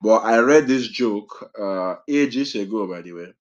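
Male Bible teacher, low voice, chatty and digressive delivery. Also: expressive, a little slow, lo-fi sound. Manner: conversational, self-correcting, digressive.

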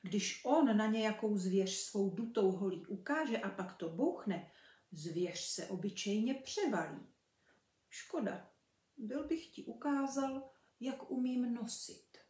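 A woman's voice: mid-range voice, animated, lightly acted. A woman voicing a friendly, boastful male hunting dog who is eager to show off, in a children's storybook reading. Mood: coaxing. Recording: roomy, from a distance.

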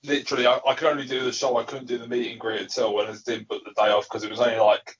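A man's voice: mid-range voice, level tone, racing, lo-fi sound. A man with a British accent telling a rambling, stop-start story in casual podcast chat. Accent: British English. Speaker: podcast co-host.

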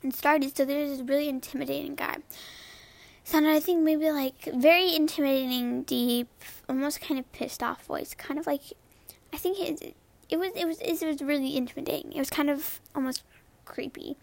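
A young woman with a high girlish voice, chatting casually about gaming, rambling with many fillers and repeated words. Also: steady tone, normal speed, gravelly, no room sound. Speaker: gamer vlogger. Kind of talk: casual chat to camera.

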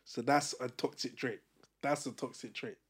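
A young man speaks at a middling pitch with a London roadman accent. He talks casually in street slang, like one of the lads co-hosting a podcast. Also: steady tone, normal speed, slightly rough. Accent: London, roadman street style. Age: young adult. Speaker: podcast co-host.

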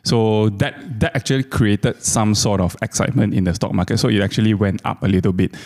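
Low-voiced man. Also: fairly even intonation, fairly quick, creaky, darkish tone. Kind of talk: casual explanatory commentary.

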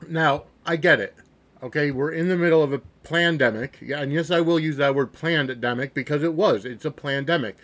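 An American man hosting a podcast solo, giving an opinionated monologue in an emphatic, halting, self-correcting way. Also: a little high, a bit bright. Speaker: podcast host.

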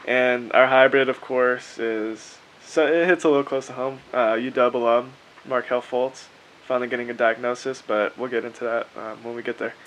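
Male podcast co-host, flat low-key read, hesitant ums, faint hiss. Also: normal speed. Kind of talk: casual sports podcast chat.

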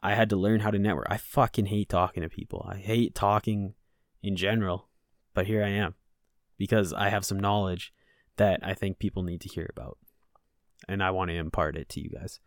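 A man's voice: low voice, fairly even intonation, fairly quick, dry recording, studio quality. A man hosting a solo podcast, talking bluntly and with profanity as he rants about self-responsibility. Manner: blunt and profane, ranting with rising frustration. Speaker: podcast host. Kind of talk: casual solo podcast monologue.

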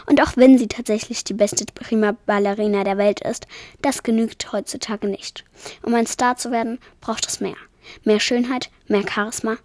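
A woman voicing a smug, condescending male theater director who talks in a patronizing, smooth way, in a storybook reading. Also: medium pitch, darkish tone, no room sound, clean studio sound, lightly acted.

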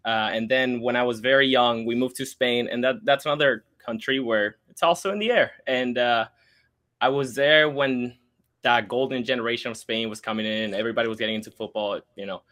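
A man's voice: mid-range voice, a little fast, fairly bright tone. A young man from Argentina, a podcast guest joining by video call, telling his story in an easygoing, earnest way. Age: 20s. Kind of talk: casual chat.

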